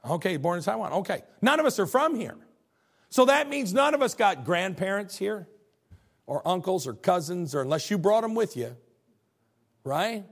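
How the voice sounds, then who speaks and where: A middle-aged pastor preaching a folksy, animated sermon, repeating phrases and talking directly to his congregation. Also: a little high, creaky.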